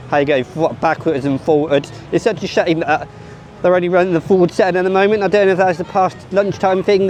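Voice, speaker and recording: A man's voice: on the high side, darkish tone. A man giving casual, rambling vlog commentary at a theme park and then inside an exhibition. He thinks aloud, often restarts and corrects himself.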